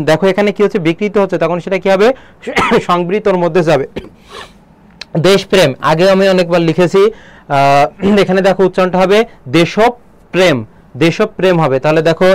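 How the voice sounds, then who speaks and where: A Bangladeshi man leads an online exam-prep lesson, firing quick questions at his students as he explains. His voice sits high and smooth, and the sound is dry and close. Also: dry recording. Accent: Bangladeshi Bengali. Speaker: teacher.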